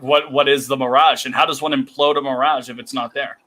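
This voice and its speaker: A man with a mid-pitched, bright, crisp voice, joking with his co-host on a podcast. He teases dryly and laughs at his own bits. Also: steady tone, a little fast, rough recording. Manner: wry, teasing, laughs at his own jokes. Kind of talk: casual podcast banter.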